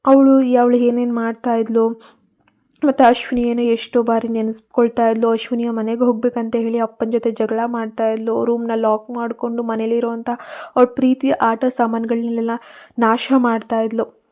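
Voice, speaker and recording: Mellow-voiced woman narrating a story. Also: on the high side, completely flat delivery, normal speed.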